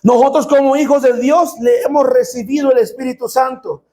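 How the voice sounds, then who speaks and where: A middle-aged man preaching a sermon as pastor, calling for responses and shouting for emphasis. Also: very high-pitched, steady tone, normal speed.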